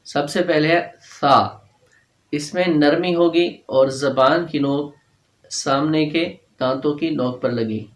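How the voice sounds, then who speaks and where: A man teaching a tajweed lesson, patiently repeating each letter slowly and chanting verses in drawn-out recitation. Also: on the high side, reverberant.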